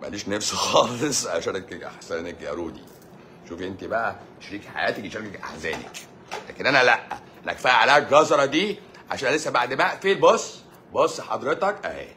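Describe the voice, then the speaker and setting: Egyptian man, doctor, live stream chat, quick talker, sharp bright tone, joking and sarcastic. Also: lowish voice, big pitch swings, slight background noise. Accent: Egyptian Arabic. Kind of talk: live stream answering viewer comments.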